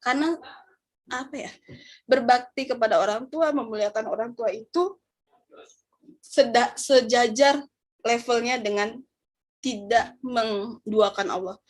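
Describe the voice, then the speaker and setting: Young woman, high voice, speaking at a faith-based sharing session; chatty, talks straight to the audience, emotional and heartfelt. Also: measured pace, long pauses. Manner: emotional, gets choked up and apologizes; chatty, addresses listeners directly. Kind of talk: heartfelt casual talk.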